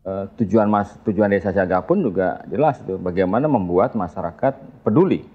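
A man, a health official, giving an interview answer in a measured way, pausing often with fillers. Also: low-pitched, husky, phone-quality sound. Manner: measured, with many filler pauses.

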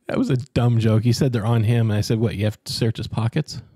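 A man's voice: medium pitch, fairly even intonation, fast, warm tone, husky, no echo, studio quality. A man, podcast co-host, dropping short joking interjections in casual banter.

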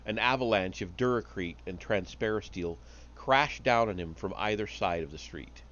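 A man reading a story aloud on a live stream, steady but with small slips and restarts. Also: lowish voice, normal speed, muffled recording, slight background noise.

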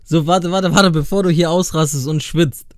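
A young adult man hosting a gaming video, talking casually and playfully in youth slang with an excitable manner. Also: a little high, normal speed, dry recording. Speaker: gaming video creator and host. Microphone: studio condenser microphone up close. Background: faint music.

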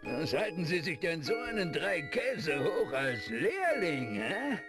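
An actor playing a grumpy, blustering old police inspector in a video game, bossy and quick to scold. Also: male voice, fairly high pitch, very animated. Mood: grumpy, indignant. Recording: loud music under the voice.

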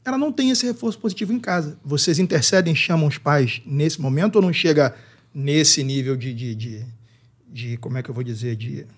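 A man's voice: on the high side, a little fast, breathy edge. A Brazilian man hosting a podcast, chatty and polite, backing up his guest with short affirmations. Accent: Brazilian Portuguese. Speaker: podcast host. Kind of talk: conversational interview.

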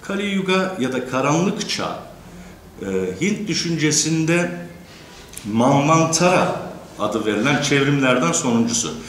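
A man of middle pitch lectures in an echoey room, with faint hum behind him. He talks hesitantly, with many drawn-out fillers. He keeps a polite tone toward the teachers listening. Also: expressive. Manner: courteous, addresses teachers in the audience. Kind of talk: academic lecture.

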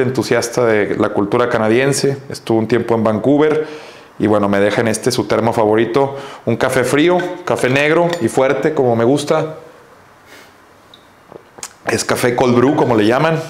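A man talks to his vlog audience in a loose, slangy, joking way. His voice sits at an ordinary middle pitch, and the sound is roomy, with a noticeable echo. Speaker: vlog host. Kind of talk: casual vlog chat. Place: home and then in a car.

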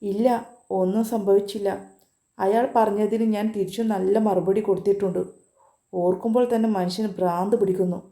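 A woman's voice: medium pitch, fairly even intonation, normal speed, mellow, close to an everyday voice. A woman voicing a sulky young college woman. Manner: pouting, irritable. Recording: roomy echo.

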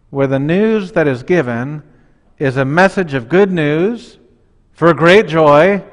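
A man in his forties, a pastor preaching a conversational, humorous sermon at the altar of a church, now and then acting out voices. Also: a little high. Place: large church sanctuary, standing at the altar. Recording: long church reverb.

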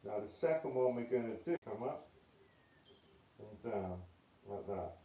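Relaxed art teacher, lowish voice, muffled by a respirator mask, picked up from across a roomy indoor space. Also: male voice, a little slow. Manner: relaxed, offhand, self-deprecating. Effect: muffled through a respirator mask. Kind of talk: casual tutorial demonstration. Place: indoor studio room. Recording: roomy, mic at a distance.

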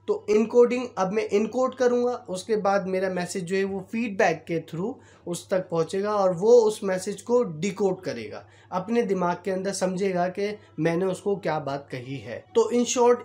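A man teaching a lesson in a conversational way, pausing on fillers and acting out bits of quoted dialogue. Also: high voice, a little mellow. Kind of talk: explanatory lesson.

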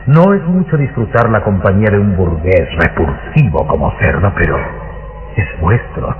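An actor playing a sinister, ancient aristocratic vampire count in an old radio drama, theatrical, mocking and drawn-out. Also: male voice, sits low, expressive. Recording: dull old radio recording with music.

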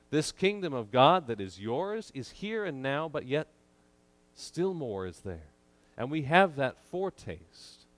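With a fairly low-pitched voice, a pastor in his thirties gives a sermon from the church pulpit through a microphone. He preaches at a measured pace, stressing points emphatically and pausing frequently.

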